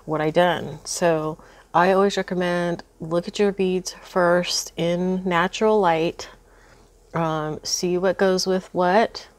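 This is a casual crafting tutorial on beading, filmed indoors at a craft table. The woman's voice is lowish and stuffed up from allergies, and she chats freely, thinking aloud with plenty of ums.

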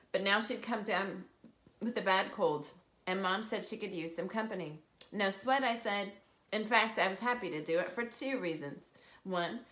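A woman teacher reading a children's novel aloud in a lively storytelling way, with a roomy echo. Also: mid-range voice.

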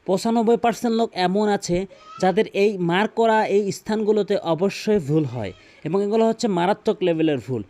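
A male Quran recitation teacher with a Bangladeshi accent. His voice sits high for a man, with a dark, mellow tone, and he walks through the rules patiently, repeating and recapping as he goes. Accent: Bangladeshi Bengali. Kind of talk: tutorial explanation with recited examples.

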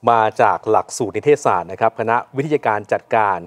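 A man's voice: on the low side, animated. A man hosting a studio talk show, chatty and teasing with a student audience. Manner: jokey, chatty, quick. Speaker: TV host.

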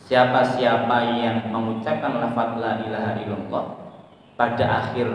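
A man's voice: mid-range voice, distant mic, a little hiss or hum. Echoey man preaching in a mosque. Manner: animated, acts out prayers and dialogues, swings between loud and soft. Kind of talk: morning religious study sermon. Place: mosque hall. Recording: echoey mosque hall, mic from afar.

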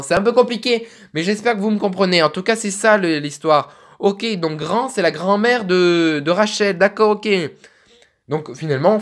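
A man's voice: sits high, a bit bright. A young man hosting a let's play, musing aloud and chatting as he reads a story game.

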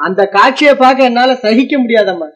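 An actor playing a defiant young nephew in a 1950s film, arguing and declaiming formal lines. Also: male voice, very high-pitched, fairly quick, fairly bright tone. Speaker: nephew in the household.

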